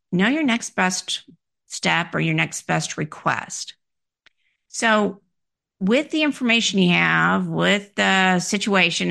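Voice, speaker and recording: A woman giving instructional advice on handling difficult requests, in a measured, explanatory way that poses questions to the listener. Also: fairly low pitch, creaky, fairly bright tone. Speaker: workplace communication coach. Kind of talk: instructional talk.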